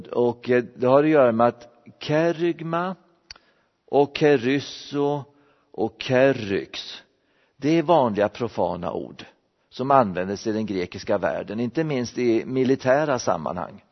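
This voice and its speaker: A man giving an explanatory Bible-teaching sermon, restarting phrases as he thinks. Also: mid-range voice. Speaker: preacher. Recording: dull recording in a reverberant hall.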